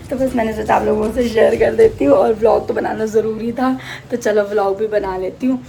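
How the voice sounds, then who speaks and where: Woman, casual vlog chat, self-mocking, animated, gravelly voice, handheld phone mic. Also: on the high side, normal speed, soft background music. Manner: animated, laughing at herself. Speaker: vlogger. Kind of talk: casual vlog chat in Hindi mixed with English. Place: at home getting ready.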